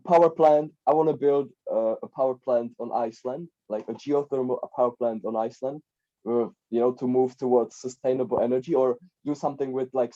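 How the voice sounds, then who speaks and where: This is a young adult man from the Czech Republic with a warm, medium-pitched voice. He's a life coach guesting on a podcast, talking casually and rambling with lots of repetition and frequent "like" and "right?". The sound quality is dull and lo-fi.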